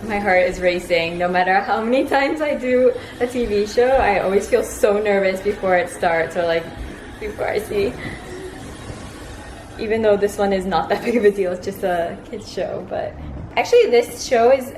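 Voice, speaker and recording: A woman's voice: medium pitch, moderate pace, darkish tone. Chatty young woman vlogging in a roomy space. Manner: chatty, frequent "like" fillers. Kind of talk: casual vlog chat. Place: home, indoors. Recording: roomy echo, distant from mic, faint noise.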